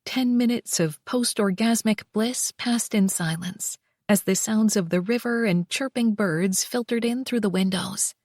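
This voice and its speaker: A woman narrating a first-person romance audiobook, soft and slow, with breathy whispered passages. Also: mid-range voice, no echo, studio quality.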